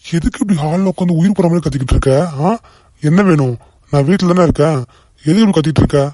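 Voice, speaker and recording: A man voicing a grumpy older father-in-law in a cartoon, gruff and complaining. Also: a little high, fast talker, dark tone, no room sound, studio quality, lightly acted. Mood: angry. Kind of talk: cartoon voice acting.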